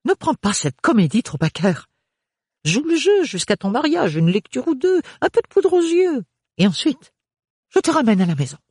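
A man putting on a shrill, domineering mother from a storybook, her voice jumping high and loud in a dry, close recording. She pushes and scolds, brisk and overbearing. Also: sing-song, breathy edge, no room sound, full character voice. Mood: bossy. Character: bossy loud middle-aged mother, overbearing.

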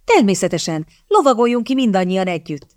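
A woman reading the part of an eager young gentleman in an audiobook, his lines bursting with excitement. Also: mid-range voice, no echo, studio quality, lightly acted. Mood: excited. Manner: breathless, enthusiastic exclamations.

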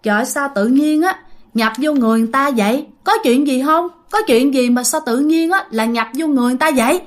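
A woman voicing an older man who helps at a church, coaxing a spirit in a hurried, pleading way. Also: sits high, natural voice. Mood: urgent.

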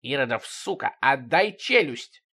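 A man's voice: mid-range voice, very animated, unhurried, bright, forceful tone, full character voice. A man voicing a grumpy, threatening old grandmother who speaks in curt, menacing demands.

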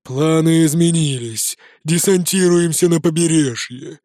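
Man doing a storybook hyena commander: scheming, gloating, bossy, and a touch higher than average. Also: unhurried, warm tone, dry recording, studio quality, natural voice. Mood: scheming commands.

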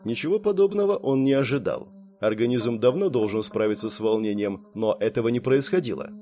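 A man reading a science fiction audiobook aloud, raising his pitch a little for the characters' lines. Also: animated, a little fast, dark tone. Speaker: audiobook narrator. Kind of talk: scripted audiobook narration.

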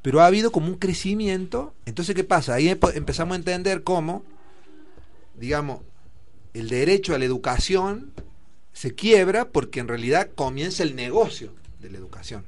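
A man's voice: a little high, sing-song, moderate pace. A man with an Argentine accent, explaining figures in a discussion program and thinking aloud with fillers. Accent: Argentine Spanish.

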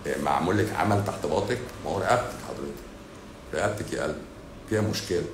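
A man's voice: low-pitched, rapid-fire, roomy sound, noisy background. A man with an Egyptian Arabic accent, a doctor hosting a livestream who answers viewer comments in a blunt, sarcastic, scolding way.

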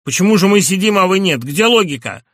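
A man's voice: expressive, quick pace, fairly bright tone, no room sound, clean studio sound. A man voicing a young, furious male asylum patient who rants and shrieks accusations. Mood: indignant ranting. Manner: shrill, ranting, raised voice.

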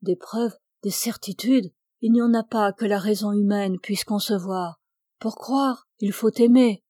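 Woman reads ironic inner voice of doubt, insinuating, slow, dry close sound. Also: mid-range voice, fairly even intonation, dark tone, no echo, close to an everyday voice. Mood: mocking. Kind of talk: audiobook reading.

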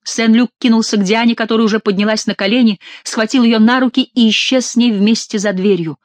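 A woman narrating a dramatic adventure novel as an audiobook reader, with expressive storytelling. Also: on the high side, brisk, no room sound.

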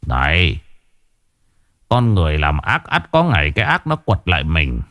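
A stern older village elder from a ghost story delivers grave warnings at a measured pace, voiced by a man. The voice sits noticeably lower and heavier than the narration. It is recorded close and dry. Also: huge pitch swings, a bit bright, dry recording, exaggerated voice. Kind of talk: storybook ghost tale voice acting.

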